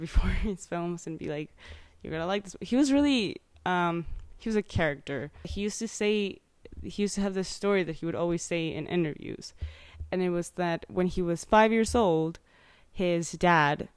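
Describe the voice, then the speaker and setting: A woman's voice: on the low side, a little mellow, clear, resonant tone, dry recording. A young woman hosting a podcast, chatting casually with lots of likes and ums. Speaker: podcast host. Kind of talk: casual chat.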